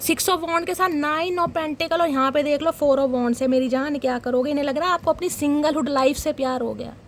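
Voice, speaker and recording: A young woman reading tarot cards for her viewers. She talks in a dramatic, animated way and keeps calling them guys. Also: high voice, normal speed, slight background noise. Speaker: tarot reader.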